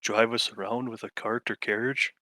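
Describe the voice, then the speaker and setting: A man's voice: on the low side, fairly even intonation, normal speed, bright, forceful tone. A man chatting casually as a player in a tabletop role-playing game.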